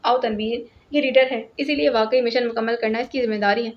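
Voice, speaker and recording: A woman's voice: fairly high pitch, fairly even intonation, close to an everyday voice. A woman voicing a fiery female agent who scolds sharply, in a storybook reading. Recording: lo-fi, dull sound.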